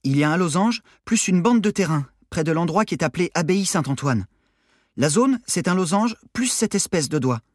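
A man's voice: sits high, expressive, moderate pace, no room sound, studio quality, voice pushed up. A man voicing a timid, hesitant young female secretary in an audiobook reading. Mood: timid flustered. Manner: hesitant, flustered.

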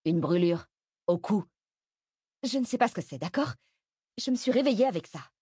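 A woman reading an audiobook voices an anxious, tearful mother who dodges questions, her voice pitched up and pleading. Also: very animated, moderate pace, dark tone, husky, dry recording, studio quality. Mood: evasive.

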